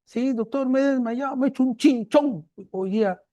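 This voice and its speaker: A man's voice: very high-pitched, moderate pace, mellow, dull audio, voice pushed up. A man voicing a timid eighteen-year-old girl patient who keeps complaining that she faints. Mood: plaintive.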